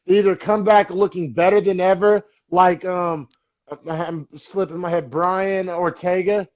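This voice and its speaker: A man's voice: high-pitched, little pitch movement, measured pace, highs cut off. A young man co-hosting a sports podcast, talking in a loose, rambling way with lots of fillers. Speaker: podcast co-host. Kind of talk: casual sports chat.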